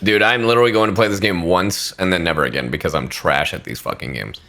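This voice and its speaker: A man's voice: low-pitched, fast talker, bright, forceful tone. A man guesting on a casual podcast, bantering with swearing and self-deprecation.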